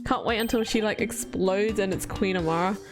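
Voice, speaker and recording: A woman's voice: medium pitch, fairly quick. A woman giving casual, playful and self-deprecating commentary as she livestreams a game. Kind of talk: casual livestream commentary while reading game dialogue aloud. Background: game music.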